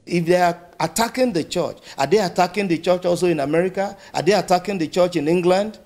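Critical Nigerian man, high voice. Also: fast, a little mellow. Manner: critical, questioning tone.

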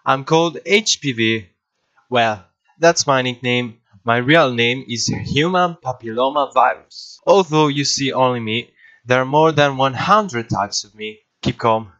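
Guy playing a cheeky cartoon virus bad guy, explains itself straight to the listener, medium pitch, educational script. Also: a little slow, a bit bright, dull audio, natural voice. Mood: cheeky, explanatory. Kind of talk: scripted first-person educational narration.

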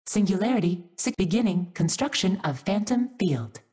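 An actress voicing an artificial female unit in a video game, a glitching robot voice giving flat machine-like status reports and error messages. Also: medium pitch, normal speed, background noise, natural voice. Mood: mechanical. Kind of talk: video game story cutscene.

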